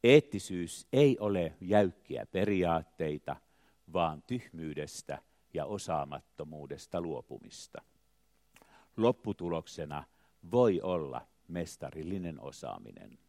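An older man speaks in a very low voice, reflective and measured, reciting poetic lines and musing on art. His phrases swell and then fall away to a hush. The recording is dry and close, with no room sound. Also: animated, dry recording. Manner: slow, measured, poetic delivery with swelling emphasis and trailing quiet endings. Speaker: artist, choreographer. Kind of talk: reflective spoken essay with recited poetry.

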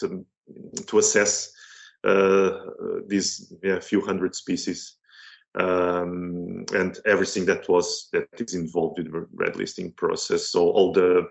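A man's voice: sits low, gravelly, dull audio. A middle-aged man from Portugal with a Portuguese accent, a museum curator being interviewed, talking hesitantly with many fillers and restarts. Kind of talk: online course interview.

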